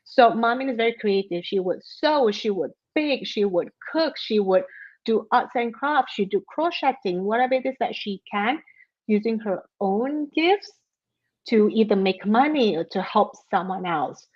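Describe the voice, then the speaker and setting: A woman's voice: a little high, lively intonation, moderate pace, dull audio. A woman from Malaysia, a guest author telling a personal story in a conversational interview, with many fillers.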